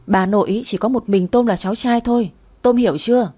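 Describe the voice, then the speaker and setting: A woman's voice: fairly high pitch, brisk, warm tone, natural voice. A woman voicing a stern young father who talks in a cold, curt, scolding way while reading a story aloud.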